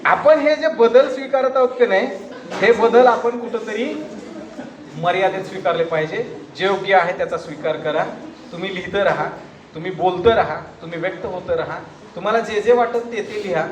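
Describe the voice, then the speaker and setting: A man gives a stage speech at a college event, telling funny stories and then reciting a solemn poem. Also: sits high. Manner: animated, humorous storytelling that turns solemn and hushed for the poem. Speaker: guest speaker and poet. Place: college hall or auditorium stage. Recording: echoey hall, faint background noise.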